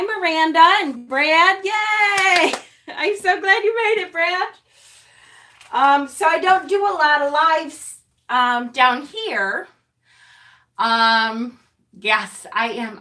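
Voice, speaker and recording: Standing away from her camera in a small room at home, a woman greets viewers of her live stream with loud, cheerful, casual chatter. Her voice is mid-range and sounds a little distant, since the camera is set a few feet from her.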